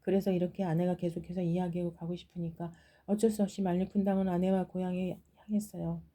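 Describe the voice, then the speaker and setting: A woman's voice: fairly low pitch, flat delivery, quick pace, mellow. A woman telling a folktale aloud in a casual way, with plain, simple phrasing. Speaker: storyteller.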